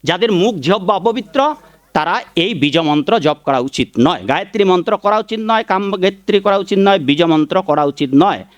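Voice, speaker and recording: A Vaishnava preacher delivers a Bhagavat discourse, his high, expressive male voice moving at normal speed in a dry recording. He preaches emphatically and chants mantras, speaking fondly to his listeners while scolding his critics.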